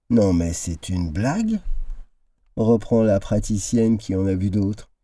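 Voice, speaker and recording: A man narrates a whimsical tale in a slow, unhurried reading. His voice is dark and mellow, and he raises it into brief character voices for the dialogue. The sound is dry and close. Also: dry recording. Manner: shifts into character voices, high exclamations. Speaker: storyteller. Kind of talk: expressive reading of an original tale.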